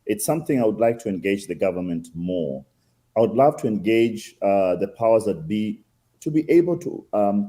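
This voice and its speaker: A man with a Kenyan accent and a warm, fairly low voice answers interview questions in a conversational way. A consul general, he speaks emphatically, using rhetorical questions and repetition.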